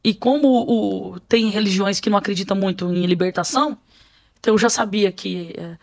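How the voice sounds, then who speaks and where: A woman's voice: medium pitch, moderate pace, gravelly. A woman, a podcast guest telling a spiritual testimony and acting out the scenes she describes. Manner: vivid storyteller, acts out scenes.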